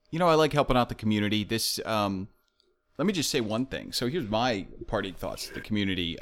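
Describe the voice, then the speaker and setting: Casual male interviewer, slightly low voice, jokey, pokes fun at himself. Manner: joking, self-deprecating.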